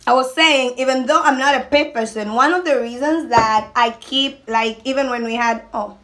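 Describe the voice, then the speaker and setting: High-voiced and speaking at normal speed, a young adult woman chats casually to camera as a mukbang vlogger. She's emphatic and animated, and she often breaks off mid-thought.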